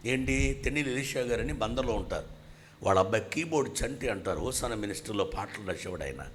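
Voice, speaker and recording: A man's voice: fairly low pitch, lively intonation, quick pace, a little hiss or hum. A man, a pastor giving his testimony in church and acting out the dialogue in different voices. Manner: acts out dialogue with shifting voices. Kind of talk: animated storytelling testimony.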